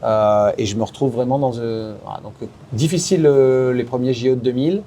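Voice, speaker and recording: A man in his forties tells his stories at a quick clip, one after another. His voice is dark and mellow. Faint room ambience sits behind him in a podcast interview. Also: medium pitch, slight background noise. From France. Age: 40s. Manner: animated storyteller, quick and chatty. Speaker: former Olympic swimmer, guest.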